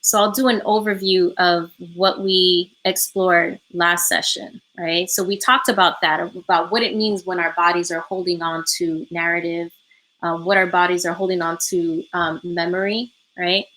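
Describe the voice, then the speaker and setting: A woman's voice: fairly low pitch, flat delivery, normal speed, pushed and bright, poor audio. A woman facilitating a healing workshop over a remote call, speaking reflectively with many ums and a habit of ending points with "right?". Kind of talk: reflective online workshop talk. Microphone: remote call from home.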